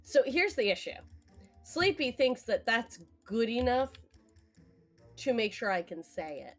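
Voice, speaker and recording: A woman's voice: on the high side, sing-song, unhurried, faint music behind. A woman playing a tabletop game, chatty, laughing and cursing casually as she retells events. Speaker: player.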